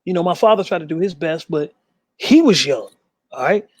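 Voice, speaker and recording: Interview guest, man, slightly high voice, dry close sound, fast animated storyteller. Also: no room sound. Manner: quick, emphatic, acts out quoted voices. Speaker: interview guest, gospel artist. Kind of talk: candid storytelling.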